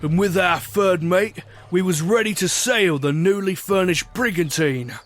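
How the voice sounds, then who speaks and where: A man's voice: high voice, a little slow, soft background music. An actor playing a hearty, boastful pirate captain who tells his sea tales in salty pirate dialect. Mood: storytelling. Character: bearded male pirate captain, hearty, boastful, wistful narrator. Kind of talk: scripted pirate adventure narration.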